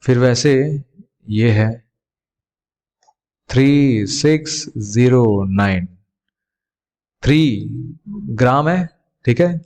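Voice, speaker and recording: A man's voice: medium pitch, darkish tone. A male teacher with an Indian English accent walks young students through a math lesson. His voice sits mid-range, and he keeps asking questions, then answering them himself in a patient classroom tone. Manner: addresses students as beta, asks and answers his own questions.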